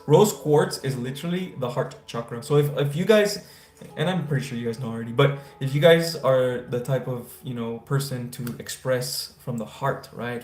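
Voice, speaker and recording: An American man chats on a relaxed spiritual livestream, going through viewers' comments and responding with enthusiastic blessings in an affirming style. His medium-pitched voice has a darkish tone, and the room echoes slightly while guitar music plays faintly underneath.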